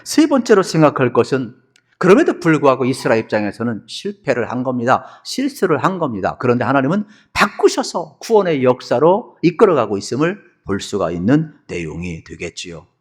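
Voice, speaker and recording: A man's voice: mid-range voice, fairly quick. A male pastor delivering a televised sermon in a church, telling the story vividly and acting out its scenes. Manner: animated storytelling, acts out scenes. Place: church sanctuary.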